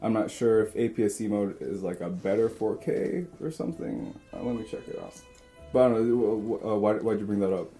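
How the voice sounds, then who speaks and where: A young man co-hosting a casual chat about cameras, talking in a rambling, halting way with crude asides. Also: on the low side, fairly even intonation, mellow, soft background music. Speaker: co-host.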